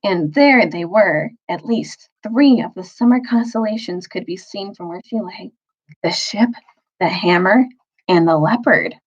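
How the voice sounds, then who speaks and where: A teacher reading aloud as storyteller, this woman delivers a children's novel with lively, swooping intonation at a measured pace. Her medium-pitched voice is slightly husky, and she phrases with care for emphasis. The recording sounds a little dull.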